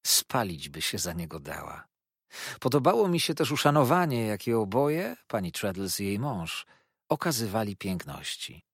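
A man narrating a classic novel as an audiobook, in measured, expressive storytelling. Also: on the low side, husky, no room sound, studio quality.

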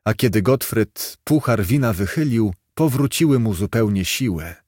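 A man's voice: fairly low pitch, expressive, normal speed, darkish tone, dry recording, clean studio sound. A man narrating an archaic fairy tale aloud in a solemn storybook manner. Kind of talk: storybook reading.

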